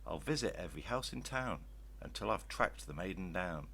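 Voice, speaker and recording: A man's voice: deep voice, expressive, normal speed, gravelly, sharp tone, a little hiss or hum, heavily acted. A man voicing a haughty, hot-headed, bloodthirsty young prince in a storybook reading. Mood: determined. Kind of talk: storybook verse character voice.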